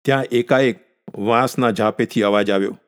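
A man calmly narrating a village short story in a measured reading voice. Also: medium pitch, clean tone.

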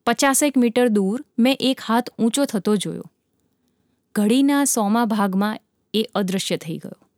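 A woman narrating a dramatic sea story with a vivid, measured reading. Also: fairly high pitch, a little mellow, no echo, clean studio sound.

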